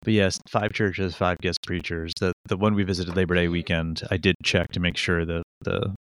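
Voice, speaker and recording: With a low, level voice at a moderate pace, a man in his forties co-hosts a casual podcast chat in Connecticut. He rambles, mocks himself, and fills his speech with fillers and restarts, recorded on a studio mic with no echo.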